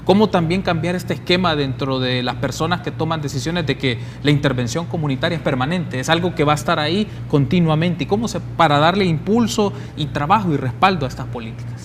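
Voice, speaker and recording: A man hosting a broadcast interview, formal and measured as he frames questions for the panel. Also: a little high, big-room sound, a little hiss or hum. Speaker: interview host.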